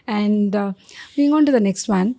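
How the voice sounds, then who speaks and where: A woman's voice: medium pitch, normal speed, vocal fry, dark tone. A middle-aged woman with an Indian accent hosting an interview, introducing her guest and asking questions. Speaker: interview host.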